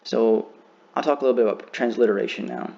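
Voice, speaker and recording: A man teaching a beginner lesson, slowly and carefully demonstrating how each word is pronounced. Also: medium pitch, vocal fry, mellow, highs cut off. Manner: slow, careful demonstration of pronunciation.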